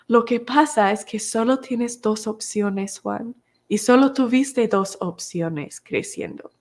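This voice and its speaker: A woman's voice: medium pitch, darkish tone. A woman teaching an online course in a conversational way, acting out little dialogues and answering viewers' comments. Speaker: course instructor.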